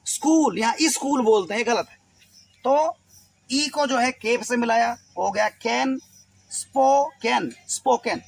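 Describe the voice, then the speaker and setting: A man's voice: very high voice, unhurried, vocal fry, rough recording. A man from Uttar Pradesh teaching English reading, patiently spelling words out letter by letter. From Uttar Pradesh, India. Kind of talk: Hindi-language phonics lesson.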